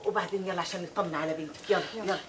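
A woman's voice: fairly low pitch, steady tone, rapid-fire, close to an everyday voice. An actress with an Egyptian accent playing a kind woman who coaxes a worried mother in a TV drama. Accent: Egyptian Arabic. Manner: warm, coaxing. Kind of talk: TV drama acting. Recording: background noise.

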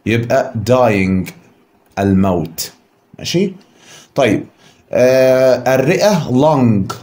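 A man with an Egyptian Arabic accent teaching an English vocabulary lesson, repeating each word slowly and clearly for his students. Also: mid-range voice, mellow. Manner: drills words by repeating them slowly.

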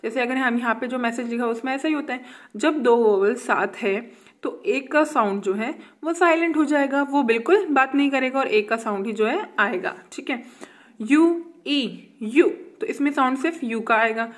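An Indian woman teaching a grammar lesson, reading English lines slowly and explaining them while asking her students questions. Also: on the high side. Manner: slow when reading English text aloud; repeats "ठीक है" and asks quiz questions.

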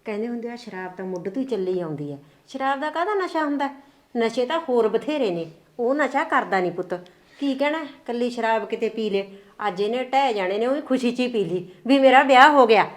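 A woman's voice: a little high, animated, fairly quick, natural voice. An actress playing a stern but caring village mother who soothes her daughter-in-law and scolds her drinking son. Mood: soothing. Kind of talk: village family drama acting.

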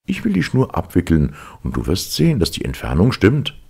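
An eager, humble fairy-tale servant, as a man reads him aloud, pitched up from a very deep, husky voice. His delivery is lively and earnest, with a slight rasp. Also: a little fast, heavily acted. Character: anxious humble male servant.

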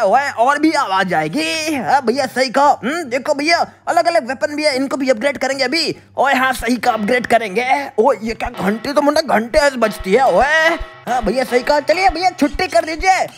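A man playing a game and chatting as two cartoon characters, excitable, with bursts of loud exclamations. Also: very high-pitched. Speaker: gaming YouTuber.

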